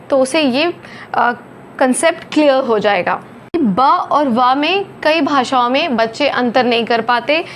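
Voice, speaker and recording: A woman teaching a phonics lesson, slowly over-articulating each letter sound. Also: sits high, slight background noise. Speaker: Hindi teacher.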